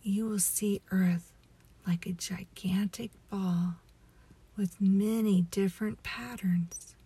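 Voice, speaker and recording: A woman leading a guided relaxation meditation as a story, in a soothing, hushed, breathy voice that often nears a whisper. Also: medium pitch, steady tone, no room sound. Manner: slow, soothing, hushed delivery.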